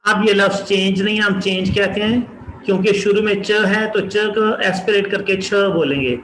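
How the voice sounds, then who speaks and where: A man from Pakistan teaching a pronunciation lesson, repeating each example word slowly and distinctly. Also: high-pitched, fairly even intonation, a bit bright, roomy sound, slight background noise, rough recording. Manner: slow, repeats example words carefully and distinctly. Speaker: English teacher.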